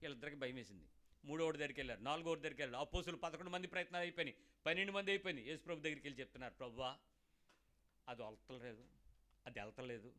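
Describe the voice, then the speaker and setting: A middle-aged preacher with a high, bright, ringing voice. He drives his sermon with emphatic rhetorical questions, one after another. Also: rapid-fire. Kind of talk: Telugu sermon.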